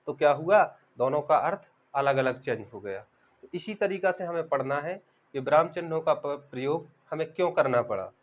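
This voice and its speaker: A young man teaching an online exam-prep grammar lesson. He repeats key words and keeps asking the class rhetorical questions. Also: on the high side. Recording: dull lo-fi recording.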